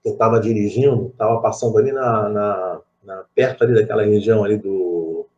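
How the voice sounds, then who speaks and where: Leading a conversational spiritist study group, this middle-aged man from Brazil speaks Rio de Janeiro Portuguese and fills his stories with asides and repeated phrases. His voice is lowish, steady, and darkish at a moderate pace, captured in dull audio.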